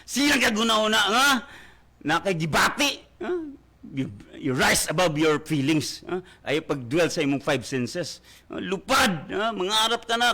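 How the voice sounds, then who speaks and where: A man with a Filipino accent preaching a radio sermon as pastor. He preaches fervently, keeps tagging his lines with "ha?", and bursts into loud exhortations. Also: high-pitched. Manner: fervent preaching with constant "ha?" tag questions.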